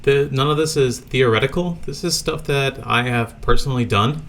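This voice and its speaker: Man with a gravelly voice giving a talk. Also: mid-range voice, normal speed, fairly bright tone. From Latvia. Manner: casual, conversational, many fillers. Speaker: conference speaker. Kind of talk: recorded conference talk. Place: home office, indoors.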